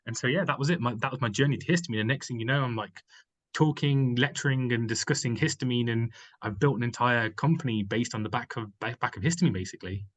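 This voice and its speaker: A man's voice: mid-range voice, fast talker. A man talking as a podcast guest, telling his story in a loose, rambling way with plenty of "like"s. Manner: rambling, filler-heavy storytelling with many "like"s. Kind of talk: casual chat.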